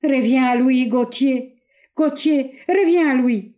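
A woman voicing a blustering older general who speaks French with a put-on Spanish accent, loud and gruff. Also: sits high, slow pace, highs cut off, voice pushed up. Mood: relieved. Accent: Spanish-tinged French, put on. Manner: loud, raised voice.

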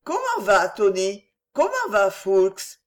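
A tall foppish English nobleman with a languid, yawning drawl, acted out by a woman. His lines lift and fall with lively pitch as he teases. It is an audiobook reading. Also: takes it slowly.

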